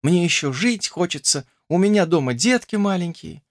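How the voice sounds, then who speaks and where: Brief: frightened fairy-tale hare, read by a man, begging, high, lively. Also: moderate pace, dry recording, clean studio sound. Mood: pleading. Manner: pleading, tearful.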